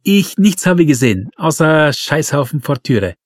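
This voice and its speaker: A man's voice: on the high side, very animated, a little slow, no echo, clean studio sound, voice pushed up. A man voicing a thin, defensive female shop assistant who speaks broken German with a slight Eastern European accent. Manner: broken German word order.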